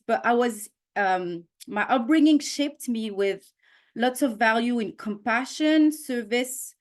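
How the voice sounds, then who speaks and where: Cheerful woman presenting on a video call. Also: a little high. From Switzerland. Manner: cheerful, chatty with little laughs. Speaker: guest speaker.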